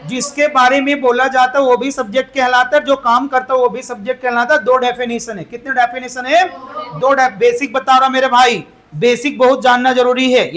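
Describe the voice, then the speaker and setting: A man's voice: very high voice, a bit bright. A man teaching an English grammar lesson, firing questions at the class and having them repeat the answers. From Jharkhand, India.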